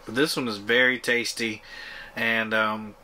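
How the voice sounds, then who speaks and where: Relaxed, chatty man camping on a boat. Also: lowish voice, a little slow, a little hiss or hum. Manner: relaxed, chatty, many "uh" fillers. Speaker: outdoor vlogger. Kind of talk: casual camping vlog talk. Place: enclosed pontoon boat on the water, outdoors.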